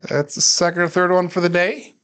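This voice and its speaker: A craps practice live streamer narrates his dice session play by play in an unhurried, steady manner. His voice is fairly high for a man, clean and smooth, and he comes across as relaxed and easy to have on in the background.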